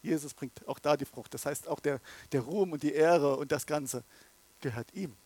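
A man preaches with an animated delivery and acts out little inner voices as he goes. His voice sits a bit high for a man and has a husky edge. He moves between quiet, low passages and loud outbursts, recorded dry and close with no room sound. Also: moderate pace, no echo. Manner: swings between soft and loud. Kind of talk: sermon.

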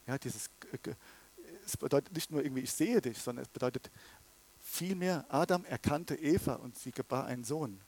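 A man preaching a sermon, animated, acting out inner voices and swinging between soft, low passages and loud outbursts. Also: brisk, breathy edge.

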